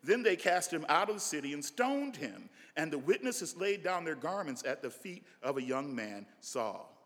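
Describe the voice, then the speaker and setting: A man preaching a sermon as senior pastor, animated and given to restarts and asides. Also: on the high side, normal speed, big-room sound.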